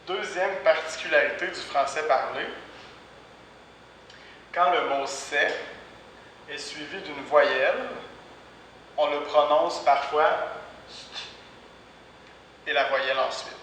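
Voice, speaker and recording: Man, language teacher, slow deliberate delivery, repeated examples, long room echo, faint hiss. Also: fairly high pitch, fairly bright tone. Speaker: French teacher. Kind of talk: language lesson. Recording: echoey room, voice far from mic, faint background hiss.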